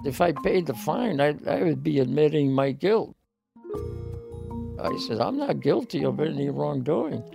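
An older man giving a halting, emotional personal account, repeating words as he grows tearful. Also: a little high, animated, vocal fry, over music. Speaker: interviewee.

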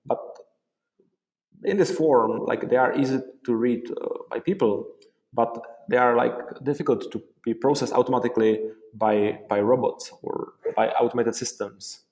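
A man's voice: medium pitch, normal speed, darkish tone. Czech-accented man explaining, roomy echo. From Czech Republic. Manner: explanatory, frequent fillers like "you know" and "uh". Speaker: guest, software company co-founder. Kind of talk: interview answers.

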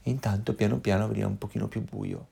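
A man telling his child a story from his own life, acting out sounds and voices with lively energy. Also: fairly low pitch, quick pace, gravelly, a little hiss or hum. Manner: animated, acts out voices and sounds.

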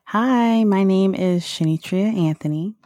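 A Southern American woman in her 30s hosts her own podcast, talking loosely and candidly in a casual monologue with frequent laughter. Her mid-range voice is unhurried and mellow, captured in a dry, studio-quality recording.

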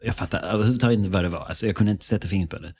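A man's voice: low-pitched, darkish tone, slightly rough. Scanian-accented man chatting casually. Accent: Scanian Swedish. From Malmö, Sweden. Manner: rambling, frequent restarts and fillers, laughs easily. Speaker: podcast guest. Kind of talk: casual conversation.

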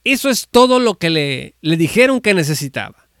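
High-voiced man teaching the Bible. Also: sing-song, moderate pace, fairly bright tone, no echo, studio quality. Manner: conversational preaching, retelling Scripture with fillers and restarts. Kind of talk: informal teaching talk on an audio space.

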